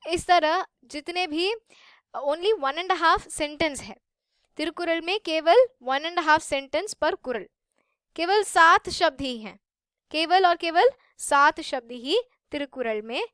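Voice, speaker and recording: A woman's voice: sits high, a bit bright, no echo, studio quality. A woman teaching a lesson, patiently repeating and rephrasing her points and mixing in English. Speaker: Sanskrit teacher. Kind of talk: explanatory lesson.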